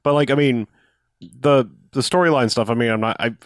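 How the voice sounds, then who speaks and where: A man's voice: mid-range voice, fairly quick, no echo, studio quality. A young man chatting casually and enthusiastically about a video game, rambling with restarts and the odd swear. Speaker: podcast co-host.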